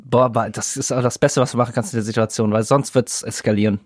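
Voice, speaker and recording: A man's voice: mid-range voice, quick pace, dry recording, clean studio sound. Young man, laughing slangy podcast co-host. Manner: laughs often, slangy, animated storytelling. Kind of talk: casual chat.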